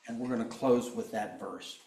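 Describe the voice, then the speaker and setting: A man's voice: fairly low pitch, moderate pace, dark tone, reverberant. A man preaching a sermon, telling the story with humor and acting out the quoted lines. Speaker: pastor.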